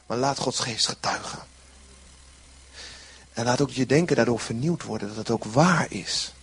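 A man delivering a sermon with a husky, slightly breathy voice at a middle pitch. He speaks earnestly and builds his points by repeating short phrases. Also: moderate pace. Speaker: preacher.

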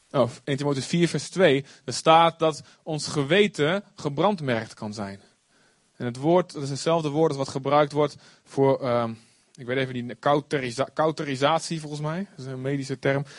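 A man preaching a sermon, animated, acting out quotes with sudden loud outbursts. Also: mid-range voice, dry recording. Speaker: pastor.

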